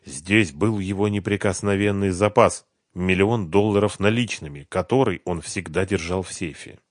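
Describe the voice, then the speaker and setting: A man narrating an audiobook in an even, measured reading. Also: low-pitched, dry recording, studio quality. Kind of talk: scripted narration of a thriller novel.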